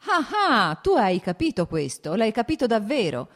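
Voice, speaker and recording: A woman voicing a drunken, bitter older man who gets excited and jumps from topic to topic, in an audiobook. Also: fairly low pitch, moderate pace, lightly acted. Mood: overjoyed. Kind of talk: audiobook character voice.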